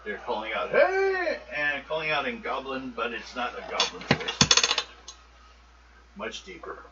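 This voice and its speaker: A man's voice: mid-range voice, normal speed. A man narrating a tabletop game as game master, talking loosely with frequent ums. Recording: muffled, distant mic with steady noise.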